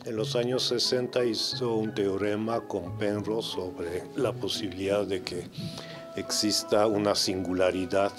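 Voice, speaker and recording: A man's voice: on the low side, little pitch movement, unhurried, music in the background. A man giving an unscripted explanation as an interviewed expert.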